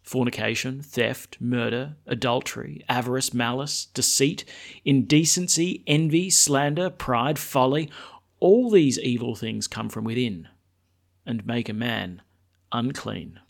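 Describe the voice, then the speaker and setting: A man speaking as a priest, reading scripture and preaching in a measured, solemn way. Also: mid-range voice, gravelly. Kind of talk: liturgical reading and homily.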